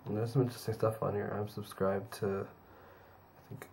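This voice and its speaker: A young man records a casual vlog at arm's length, his voice hoarse and tired from a lingering cold. He rambles easily with fillers, his slightly low voice gravelly with fry. A faint background noise runs under him. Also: flat delivery, normal speed, darkish tone. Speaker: vlogger.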